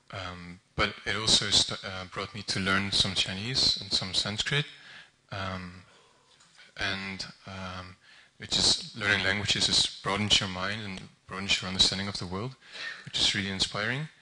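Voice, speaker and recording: A young Dutch man from the Netherlands, a volunteer translator, gives an informal public talk at an event, hesitant and full of ums, restarts, and self-corrections as if thinking aloud before a room. His bright, edgy voice sits a touch low, with fairly even intonation, and the recording is rough.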